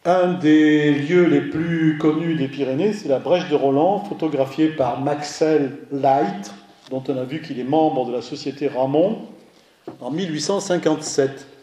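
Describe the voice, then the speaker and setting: A man with a somewhat high but mellow voice gives a slide lecture in a roomy, echoing hall. He wanders between points, stops to correct himself and slips in dry jokes along the way. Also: a little slow, a little hiss or hum. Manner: digressive, corrects himself mid-sentence; dry humorous asides. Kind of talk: slide lecture on art and photography.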